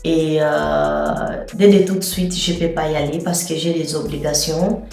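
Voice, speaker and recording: A woman's voice: low voice, steady tone, creaky, a little mellow, faint music behind. Woman vlogger from Angola, chatty with many fillers; distant mic in an echoey room. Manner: unhurried, chatty, with frequent hesitant fillers. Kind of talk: casual unboxing chat to camera.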